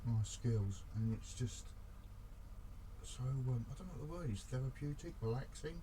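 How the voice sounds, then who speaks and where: A man's voice: medium pitch, lively intonation, moderate pace, dark tone, a little hiss or hum, poor audio. A man casually talking through a model ship build, chatty and self-deprecating, muttering to himself as he works.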